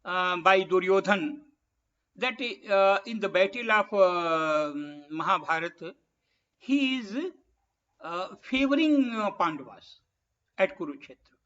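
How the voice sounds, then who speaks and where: Guy giving a talk, kinda high voice, lots of uh pauses and restarts, muffled lo-fi recording. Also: lively intonation, a bit bright. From India. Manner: halting, many pauses and restarts. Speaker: guest speaker. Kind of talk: public lecture. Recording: dull lo-fi lecture recording.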